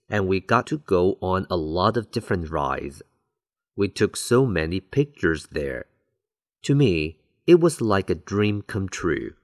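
A man with a deep, low voice gives a bilingual English lesson. He explains phrases clearly and deliberately, like a teacher walking students through a model answer. The sound is dry and close, with no room around it. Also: no echo.

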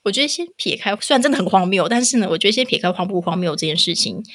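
A woman's voice: medium pitch, rapid-fire. A woman with a Taiwanese Mandarin accent hosting a casual, opinionated podcast, telling stories animatedly and acting out what people say. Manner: animated storytelling, acting out quotes. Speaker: podcast host.

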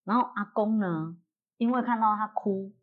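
A woman with a Taiwanese Mandarin accent, hosting a casual chat show and telling a family story in a lively way, voicing the relatives she quotes. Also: medium pitch, normal speed. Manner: animated retelling, acting out relatives' quoted lines. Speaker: podcast host. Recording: tinny phone-like audio.

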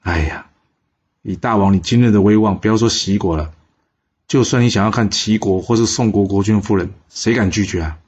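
Man doing a sly flattering ancient lord. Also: on the low side, brisk, husky, lo-fi sound. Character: vengeful sly male marquis.

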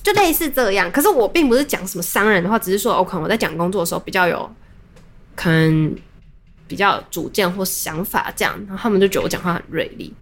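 Fast-talking woman podcast host. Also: mid-range voice. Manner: animated, rambling, many restarts. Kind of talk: casual storytelling chat.

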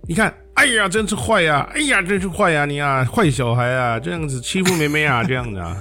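A man voicing his gentle old grandfather with a mainland veteran's Mandarin accent, mock-scolding a child in a slow, drawn-out, sing-song way. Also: fairly high pitch, expressive, faint music behind. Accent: mainland Chinese veteran's Mandarin.

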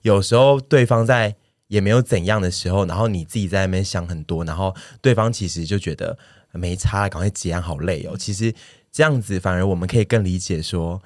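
A man's voice: low voice, brisk, no room sound, clean studio sound. A man, co-hosting a podcast, teasing and prompting the others with questions. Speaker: podcast co-host. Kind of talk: casual chat.

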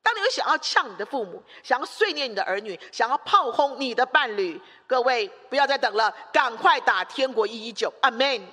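A woman preacher with a high, bright voice delivers an emphatic sermon. She builds her points through long runs of repeated rhetorical phrases. Her voice carries a long, echoing church-hall reverb. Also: lively intonation, fairly quick, hardly any pauses.

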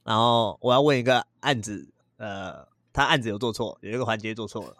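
This podcast co-host has a lowish yet fairly bright voice with no room sound. He chats casually, spinning quick, jokey stories at his own expense.

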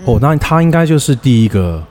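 A man's voice: medium pitch, very animated, a little fast, dark tone. A man with a Taiwanese accent chatting casually as a podcast guest. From Kaohsiung, Taiwan. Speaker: podcast guest, concert promoter and app developer. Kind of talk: casual conversation.

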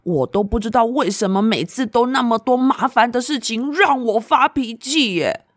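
A woman's voice: fairly high pitch, moderate pace, no room sound, studio quality, voice pushed up, natural voice. A woman voicing a grumpy little boy who is easily upset, complaining in a whiny, sulky way while reading a storybook.

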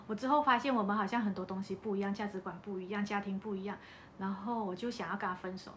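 A woman's voice: mid-range voice, quick pace, a little hiss or hum. A woman with a Malaysian Mandarin accent, chatting casually on a podcast and telling a personal story, acting out the dialogue with energy. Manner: animated storyteller who acts out quoted dialogue. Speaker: podcast speaker.

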